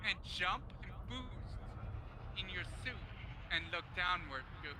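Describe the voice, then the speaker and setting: A man's voice: high-pitched, expressive, unhurried. A man casually giving tips to fellow gamers. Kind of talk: casual gaming advice. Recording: noisy game voice chat.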